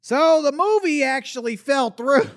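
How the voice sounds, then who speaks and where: A man's voice: extremely high pitch, animated, a little slow, no echo, studio quality. A man voicing a washed-up male alien star from the eighties who rambles and slurs, swinging between boasting and muttering, in a comedic monologue. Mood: bitter. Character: washed-up male 80s alien puppet star, boozy and bitter. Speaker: talk show host character.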